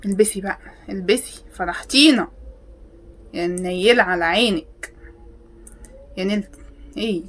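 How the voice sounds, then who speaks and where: A woman with an Egyptian accent, reacting to videos with sarcastic, exasperated questions. She swings between loud outbursts and hushed mutters. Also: medium pitch, moderate pace, pauses often. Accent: Egyptian Arabic.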